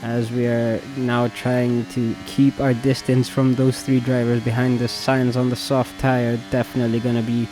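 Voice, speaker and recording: Over music, a man comments casually and ramblingly on his own racing game, speaking at normal speed in a monotone, mid-range voice with few pauses. A gamer and video creator, he's still recovering from an illness and fills his speech with hesitant fillers.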